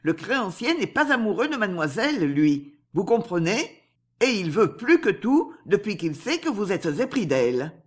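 A woman's voice: mid-range voice, big pitch swings, moderate pace. Woman doing a sly, suave bailiff. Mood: officious. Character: smooth, sly middle-aged male bailiff.

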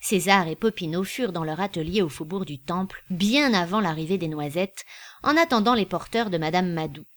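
A woman narrating a classic novel aloud in a measured, expressive reading. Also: on the low side. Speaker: audiobook reader. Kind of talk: literary audiobook narration.

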